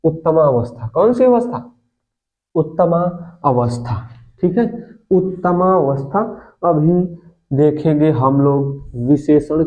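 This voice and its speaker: A male teacher giving a grammar lesson, asking questions and answering them himself, repeating key words and calling his listeners friends. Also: a little high. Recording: phone-like lo-fi audio.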